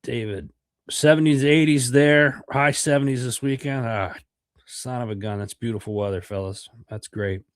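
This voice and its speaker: This congested, middle-aged man from the United States hosts a podcast livestream, wandering through a chat packed with fillers and repetitions because of his cold. He speaks at medium pitch and a moderate pace. The audio is studio quality with no echo.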